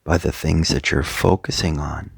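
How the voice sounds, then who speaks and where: A man coaching a guided meditation with soft motivational talk keeps a steady tone in his extremely low, creaky, gravelly and husky voice. He goes slowly, leaving long gaps between short phrases, and the close, dry recording has no room sound.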